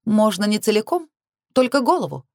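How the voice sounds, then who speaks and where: A woman voicing a defiant, sharp-tongued young heroine who makes mocking retorts. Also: medium pitch, sing-song, a little fast, no echo, studio quality, pitched above the performer's own voice.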